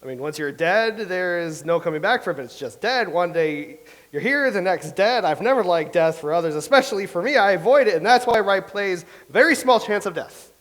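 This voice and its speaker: In a staged comedy reading, an actor plays a vain, anxious playwright who rambles nervously and pities himself. His voice is high-pitched, expressive, fairly quick, and a bit bright.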